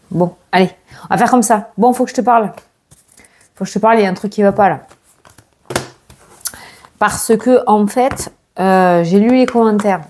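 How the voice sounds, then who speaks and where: A woman's voice: medium pitch, darkish tone. A woman vlogger chatting casually to camera before a tarot reading, teasing her viewers and laughing often. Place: indoors at home, grey daylight.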